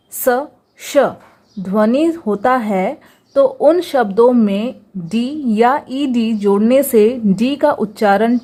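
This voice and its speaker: A woman's voice: on the high side, warm tone. A woman teaching English pronunciation, patiently repeating each example word and asking rhetorical questions. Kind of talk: Hindi-language lesson on English pronunciation.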